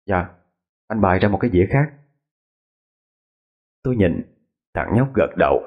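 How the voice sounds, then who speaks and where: A man narrating a ghost story in the first person, with lively, dramatic storytelling. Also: fairly low pitch, moderate pace, slightly rough, phone-quality sound.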